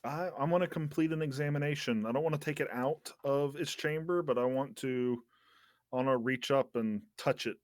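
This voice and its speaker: A man's voice: mid-range voice, moderate pace, dry recording, studio quality. Man thinking aloud in a tabletop game. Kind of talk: casual tabletop role-play chat.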